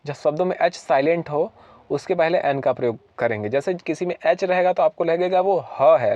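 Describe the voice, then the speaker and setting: A man with a fairly high voice teaches English grammar at a steady classroom pace. He poses questions and then answers them himself. The recording is dry and a little dull, with no room echo.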